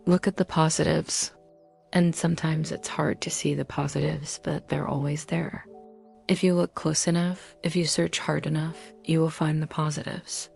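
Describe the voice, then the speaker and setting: A woman narrating a scripted self-help talk in a calm, measured way, sometimes dropping to breathy near-whispers. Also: low voice, faint music behind. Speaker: motivational narrator.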